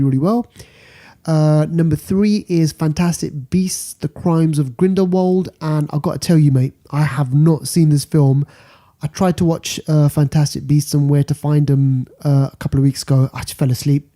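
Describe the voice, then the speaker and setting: Very dark, mellow-voiced British man. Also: fairly high pitch, moderate pace. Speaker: podcast host. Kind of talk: casual box office rundown.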